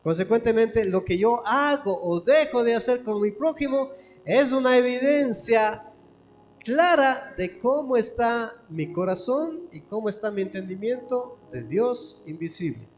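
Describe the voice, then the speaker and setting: High-voiced Ecuadorian pastor preaching. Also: male voice, lively intonation, measured pace. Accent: Ecuadorian Spanish. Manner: asks many rhetorical questions. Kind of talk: sermon. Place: church hall. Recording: echoey church hall with faint background noise.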